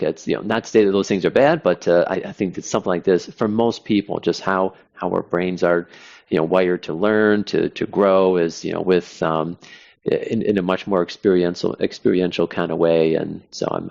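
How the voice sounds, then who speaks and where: A man co-hosting a podcast in casual chat, speaking in a rambling, halting way with many restarts. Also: deep voice, vocal fry, darkish tone. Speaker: podcast co-host. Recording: dull, lo-fi sound.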